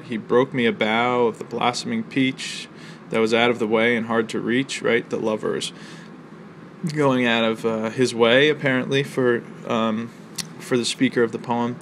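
Man lecturing with a gravelly voice. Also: medium pitch, fairly even intonation, fairly bright tone, a little hiss or hum. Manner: measured, explanatory, with thinking pauses and fillers. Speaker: college instructor. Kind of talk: recorded literature lecture. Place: outdoors near a library.

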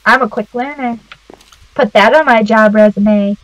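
A woman chatting casually as a guest while gaming, bubbly and quick to laugh. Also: fairly high pitch, a bit bright, no room sound, rough recording. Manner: giggly and bubbly. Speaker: guest gamer.

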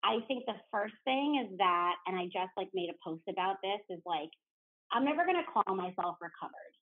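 A woman's voice: mid-range voice, expressive, normal speed. A woman from New Jersey, a podcast guest chatting casually, talking freely with lots of "like" fillers. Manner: chatty, fills speech with "like". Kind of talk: casual interview chat. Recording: tinny phone-like line.

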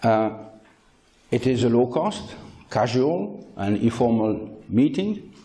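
An older man gives a conference keynote into a handheld mic, speaking in measured phrases with frequent hesitant pauses and blunt opinions. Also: mid-range voice, very animated, mellow. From France. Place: lecture hall.

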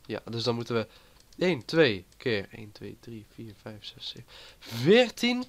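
A man with a cold talks through his gameplay in a loose, rambling way. He chats on at an ordinary pitch, jumping from one thought to the next. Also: big pitch swings, moderate pace, vocal fry. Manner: rambling and chatty. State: has a cold. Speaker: gaming YouTuber. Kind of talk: casual gameplay commentary.

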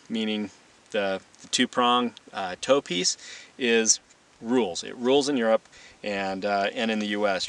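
A male instructor and presenter runs an informal gear demonstration, explaining plainly and matter-of-factly in a lowish, bright, forceful voice. The mic is distant, with light background noise.

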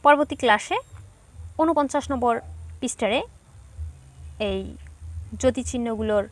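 A woman teacher with a high voice gives an online class. She reads each question out, then dictates the answer slowly and patiently, one step at a time. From Bangladesh. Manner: patient, explains step by step to pupils.

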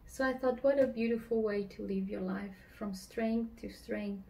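Gravelly, mellow woman from Romania. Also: mid-range voice, poor audio. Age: 30s. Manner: earnest, slightly halting, with fillers and restarts. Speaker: church member giving testimony. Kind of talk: personal faith testimony. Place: dining room at home, seated at a table. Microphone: camera across the table.

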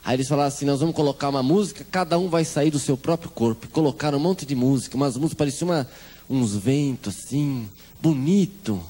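A man's voice: medium pitch, fast talker, dark tone. A man with a Brazilian Portuguese accent gives a humorous testimony to a congregation, acting out the voices of the people in his story. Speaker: church testimony speaker.

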